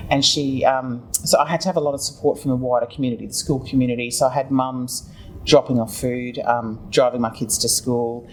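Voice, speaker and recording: A middle-aged woman from Tasmania with an Australian accent, telling her personal account in an interview, explaining in halting, self-correcting phrases. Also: a bass voice, slight background noise, rough recording. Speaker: interview guest, children's book author.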